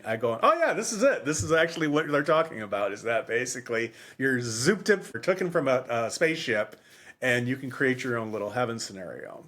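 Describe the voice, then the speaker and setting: A rambling man chats on a book podcast he co-hosts, his voice medium in pitch and fairly bright. It's an unscripted, casual discussion full of repeated phrases and self-corrections.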